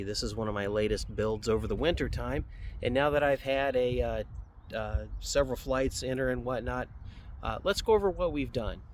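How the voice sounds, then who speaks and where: Man with a sore jaw, noisy recording. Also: medium pitch. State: sore, slightly swollen jaw after surgery, talking a little oddly. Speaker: RC hobby channel host reviewing a model plane. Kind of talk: casual hands-on product review.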